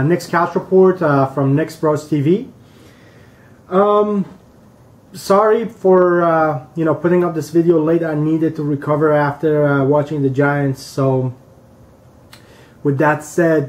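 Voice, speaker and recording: A man hosting a casual sports rant, talking bluntly and halting often on fillers. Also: a little high. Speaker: sports fan vlog host.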